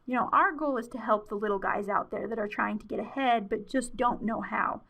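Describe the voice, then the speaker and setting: A woman's voice: mid-range voice, fairly quick, gravelly, pushed and bright. A woman presenting a webinar in a friendly, conversational way with frequent fillers, her voice wearing out. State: losing her voice.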